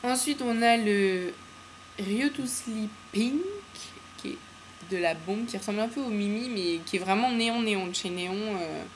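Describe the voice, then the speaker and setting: A woman's voice: mid-range voice, normal speed. A bubbly woman chats to her viewers from home about her latest polish finds. She rambles happily, stumbling over fillers and slang. Her voice sits in a middle register, with a faint hiss of background noise. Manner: chatty and enthusiastic, many fillers and slang. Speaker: beauty vlogger. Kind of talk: casual nail polish haul chat. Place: home room with windows open to the street.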